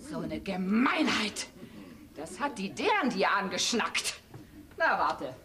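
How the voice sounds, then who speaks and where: An actress playing a scheming, easily outraged farmer's wife in a stage comedy, scolding shrilly. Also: female voice, mid-range voice, very animated, slow, a crowd in the background. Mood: indignant. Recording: live stage recording, faint hiss.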